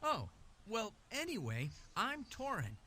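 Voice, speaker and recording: An actor voicing an earnest young male hero in an adventure game, polite but quick to get fired up. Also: high-pitched, huge pitch swings, bright, forceful tone, slight background noise, full character voice. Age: young adult. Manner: polite, then fired-up and listing insults. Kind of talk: game voice acting.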